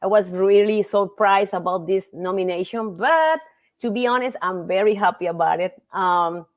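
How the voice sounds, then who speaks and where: A middle-aged Costa Rican woman, a native Spanish speaker with a Costa Rican accent, talks about her teaching in a relaxed interview. Her voice sits in the mid-range, and she's warm, often pausing to search for words and using frequent fillers.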